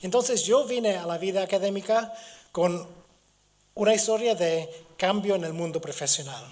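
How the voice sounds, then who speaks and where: Giving a university lecture as a guest, a middle-aged native English speaker from Gibraltar sounds hoarse from a cold. His voice sits high with a darkish tone, and he keeps halting, restarting and using fillers.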